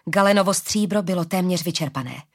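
Female narrator, steady audiobook read. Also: on the low side. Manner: steady storytelling.

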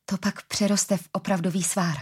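A woman's voice: mid-range voice, flat delivery, darkish tone, husky, natural voice. Arila, a remorseful young woman read by a woman. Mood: tender.

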